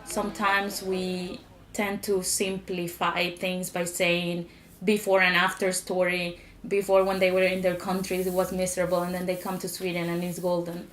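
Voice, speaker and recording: A woman speaking in an interview as a festival organiser, in a measured, explanatory way. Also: on the low side, completely flat delivery, fairly bright tone, low-quality recording. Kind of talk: interview commentary.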